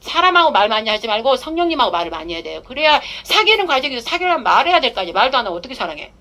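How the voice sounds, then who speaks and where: Fast, bright-voiced woman pastor preaching. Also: fairly high pitch, sing-song. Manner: emphatic, conversational, acts out prayers aloud. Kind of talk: testimony sermon.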